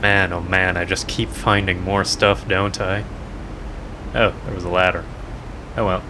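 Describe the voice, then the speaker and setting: A man's voice: low-pitched, flat delivery, measured pace, noisy background. A man streaming a game, chatting playfully and joking to himself as he plays. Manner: playful, jokey, talking to himself. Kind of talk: casual gameplay commentary.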